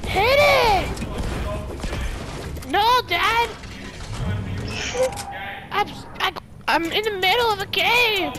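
A player talking through a pitch-raising voice changer, posing as a squeaky seven-year-old kid and yelling excited callouts in online game voice chat. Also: extremely slow, long pauses, full character voice. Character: squeaky young kid gamer claiming to be seven. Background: loud game music.

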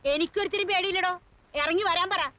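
A sharp-voiced, bossy old grandmother who scolds everyone around her. Her voice sits high and bright, with a dry, close sound. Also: no room sound. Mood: indignant. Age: older. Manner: scolding, bossy, quick to shout. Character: feisty old grandmother who owns the house. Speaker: film character. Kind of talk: 1980s film comedy acting.

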